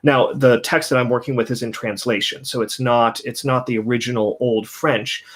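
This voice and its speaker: A man with a mid-range voice talks through his creative process in a reflective, unhurried way. He circles back often, stacking fillers and restarts as he searches for the right word. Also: mid-range voice, fairly even intonation, a bit bright. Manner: thoughtful, many fillers and restarts. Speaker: composer. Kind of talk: interview conversation.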